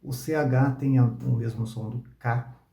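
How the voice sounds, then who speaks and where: A man teaching Latin pronunciation, explaining calmly and repeating each example word three times. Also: medium pitch, unhurried, gravelly, reverberant, low-quality recording. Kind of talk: spoken lesson with repeated example words.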